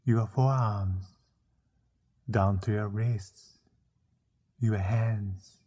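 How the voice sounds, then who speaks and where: Low husky guy doing guided meditation, soothing, lots of pauses. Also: steady tone, warm tone. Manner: soothing, unhurried delivery with frequent pauses.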